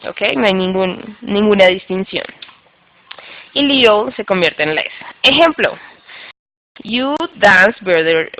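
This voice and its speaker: A woman's voice: medium pitch, a bit bright, dry recording, rough recording. A woman teaching English grammar in an online class, patient and repetitive, often checking in with the students. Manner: patient, repeats rules and checks with "listo?". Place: online class by video call.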